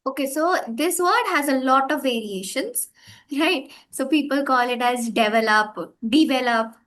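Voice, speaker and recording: Indian woman, higher voice, calmly explains how words should sound. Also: unhurried. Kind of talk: casual chat explaining pronunciation.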